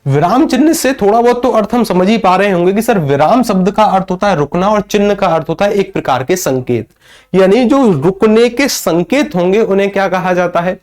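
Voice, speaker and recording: A man's voice: high voice, lively intonation, fairly quick, darkish tone. A man from northern India teaching a live online grammar class, answering his own questions and greeting viewers by name.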